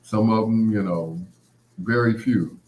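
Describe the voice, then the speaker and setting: With a voice on the low side, a measured pace and a slightly mellow quality, the man hosts a late-night show. He chats casually and rambles through anecdotes, recounting past exchanges, in a roomy, echoing recording.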